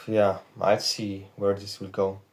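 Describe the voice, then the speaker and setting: A man's voice: low voice, completely flat delivery, takes it slowly, a little mellow. An 18-year-old man from Romania with a Romanian accent, talking in a candid, rambling and profane confessional vlog from his bedroom into a phone camera. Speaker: trading vlogger. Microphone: phone back camera.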